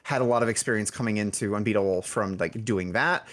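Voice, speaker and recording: An indie game developer and music lead, a man appearing as a podcast guest, rambles informally through a casual interview and often breaks off mid-sentence. His voice sits on the low side, fairly bright, and he speaks quickly.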